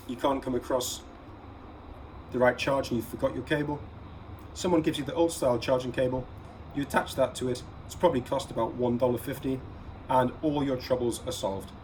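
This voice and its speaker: A man hosts a casual everyday-carry gear vlog, talking viewers through products in an instructive, advising way and stressing key words. His mid-range voice is a little mellow, and the low-quality recording has clear background ambient noise.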